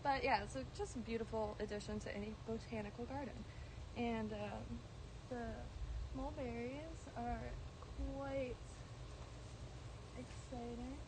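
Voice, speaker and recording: This plant vlogger from Florida, live from her garden, speaks unhurriedly in a high voice with fairly even intonation, pausing often and droning at times. Her rambling livestream chat is meandering and casual, with many ums, restarts and swearing. The stream is noisy.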